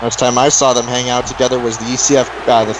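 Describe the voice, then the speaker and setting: A man's voice: medium pitch, level tone, fast talker, background noise. A man doing live play-by-play as a wrestling commentator, exclaiming at moves and counting near falls.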